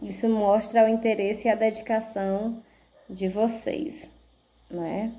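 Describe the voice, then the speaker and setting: A woman teaching a video lesson in a Brazilian Portuguese accent takes her time, patiently spelling syllables and checking in with tag questions. Her delivery is flat, though her medium-pitched voice has a warm tone.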